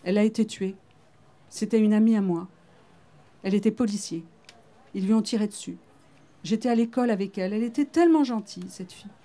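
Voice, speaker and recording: A woman's voice: mid-range voice, fairly quick, long pauses, mellow, lightly acted. A woman reading aloud the lines of a grieving young man who speaks in a tearful, agitated way.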